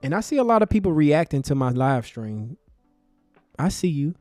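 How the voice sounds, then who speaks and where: A man giving impassioned, profane livestream commentary from his desk, swinging between loud outbursts and low, intense talk. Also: sing-song, normal speed, dry recording, faint music behind. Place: home desk. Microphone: desk mic.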